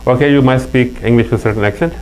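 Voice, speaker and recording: With a Pakistani accent, a middle-aged man from Pakistan talks fast in a medium-pitched, darkish voice, with faint mains hum in the background. He's an interview guest in a casual chat, earnestly sharing anecdotes and frequently restarting.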